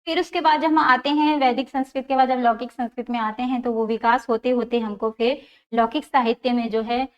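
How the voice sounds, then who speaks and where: Female lecturer, a little high-pitched, explains methodically and repeats terms, dull lo-fi recording. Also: fairly even intonation, brisk. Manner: explanatory, repeats key terms, asks and answers own questions. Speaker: teacher. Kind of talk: exam prep lecture. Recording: dull lo-fi sound.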